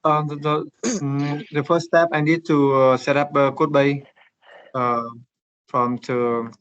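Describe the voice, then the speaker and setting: A man speaking in an online work meeting over a slow, bad call connection, halting with many fillers and restarts. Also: fairly high pitch, level tone, fairly bright tone, no echo. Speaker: software developer. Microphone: video call. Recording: dull lo-fi call audio.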